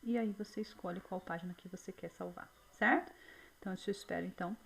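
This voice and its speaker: Lady teacher doing a screen tutorial, kinda low gravelly voice, chatty, keeps checking in. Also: fast, fairly bright tone, poor audio. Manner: chatty, uses lots of diminutives and check-ins. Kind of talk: screen-recorded software tutorial.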